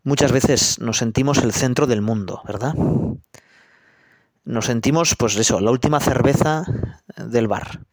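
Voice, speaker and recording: A priest delivers a homily in a chatty, personal manner, tossing out rhetorical questions and short checks with his listeners. His voice sits at an ordinary male pitch. The recording is close and dry, with no room sound. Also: measured pace, dry recording. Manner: conversational, rhetorical questions with frequent "¿eh?" and "pues".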